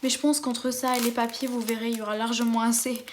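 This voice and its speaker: A woman's voice: on the high side, flat delivery, fast talker, a little hiss or hum. A woman chatting enthusiastically as she unboxes a craft kit for her viewers. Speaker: craft vlogger. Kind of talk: casual unboxing chat.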